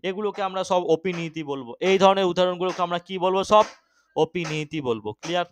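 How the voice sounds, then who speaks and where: A young man teaching an exam-prep grammar lesson, often checking that students follow and urging them to answer quickly. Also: high-pitched, slight background noise. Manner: keeps checking understanding, urges quick answers.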